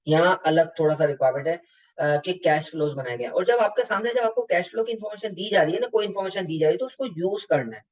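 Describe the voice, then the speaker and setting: A man teaches exam technique, his voice a little higher than most men's. He explains point by point, mixes in English terms and asks his students rhetorical questions. The recording is muffled and lo-fi. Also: a little mellow. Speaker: accountancy exam tutor. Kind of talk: recorded lecture reviewing mock exam answers.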